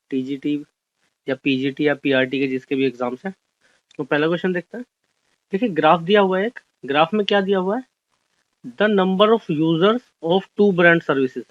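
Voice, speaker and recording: Young male maths tutor, high-pitched, explains step by step and answers his own questions, dry close recording. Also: no room sound. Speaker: maths teacher. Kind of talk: exam-solution maths lesson. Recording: dry, dull lo-fi audio.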